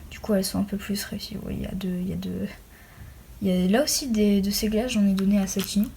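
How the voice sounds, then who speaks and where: A woman's voice: medium pitch, steady tone, fast talker, gravelly, warm tone. A young woman, chatting casually and self-deprecatingly as she shows her handmade crafts. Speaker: hobbyist crafter showing handmade doll accessories. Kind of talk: casual chatty show-and-tell. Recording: noisy home recording with clicks.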